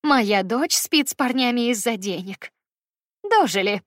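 A woman's voice: fairly high pitch, fairly quick, no room sound, studio quality, close to an everyday voice. Woman voicing a scornful, harsh mother. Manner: cold and contemptuous. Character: harsh scornful middle-aged mother, quick to anger.

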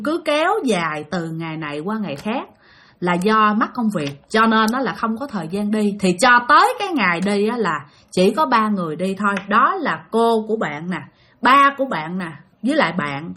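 Brief: high, bright Southern Vietnamese woman spinning a spoken ghost story, chatty and repetitive. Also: husky. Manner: chatty, repetitive, addresses listeners directly.

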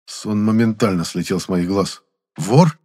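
A man's voice: on the low side, fairly even intonation, a little fast, a little mellow. A man narrating an audiobook in the first person with a wry, ironic tone.

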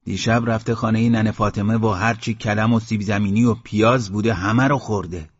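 A man's voice: fairly low pitch, fairly even intonation, husky, no room sound. A man voicing an uneasy, pitying male villager, on a dull lo-fi audiobook recording. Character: anxious male villager feeding the beast.

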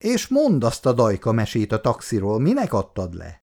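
A man's voice: huge pitch swings, darkish tone. A male reader voicing a fierce, emotional elderly mother who scolds her grown sons. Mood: scolding. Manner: scolding, shrill outbursts.

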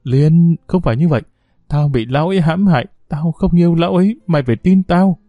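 A man's voice: a little high, animated, normal speed, dry recording, muffled recording, voice pushed up, natural voice. A man voicing a tearful, frightened young woman. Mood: tearful pleading. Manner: pleading, tearful.

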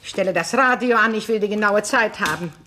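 A woman's voice: medium pitch, fairly quick, sharp tone, slight background noise, close to an everyday voice. An actress playing a tired older mother in a radio play, fussy about order and time. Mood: fussy, anxious. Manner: fussy, precise, then drowsy. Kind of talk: 1950s German radio play acting.

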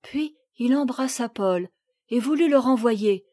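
A woman reading the part of a little girl who sadly recounts a shipwreck, in a gentle, measured voice. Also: on the high side. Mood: sad, earnest. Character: little girl recalling a shipwreck, sad and earnest. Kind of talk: audiobook reading.

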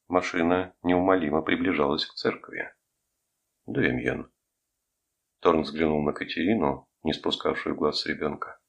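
A man reading an audiobook aloud in steady, measured scripted narration. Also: rumbling low, vocal fry.

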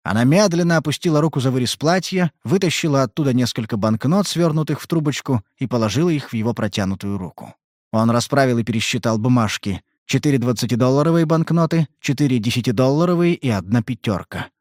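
A man's voice: mid-range voice, expressive, fast talker, a little mellow, dry recording. Man narrating an audiobook, dry sound. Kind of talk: scripted narration.

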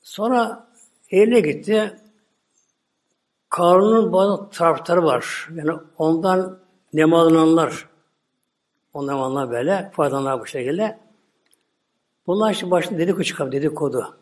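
A man's voice: on the high side, moderate pace, pauses often. A man preaching, retelling a religious story animatedly with many repeated filler words. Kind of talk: sermon storytelling.

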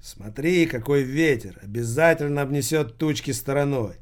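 A man's voice: mid-range voice, moderate pace, close to an everyday voice. A man voicing a playful, mocking male retail businessman in an audiobook, speaking in a teasing tone.

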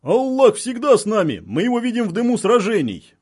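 Man shouting as angry guttural militants. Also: high voice, sing-song, normal speed, husky, pitched above the performer's own voice, heavily acted. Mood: insistent. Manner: shouting angrily. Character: shouting group of male militants, aggressive.

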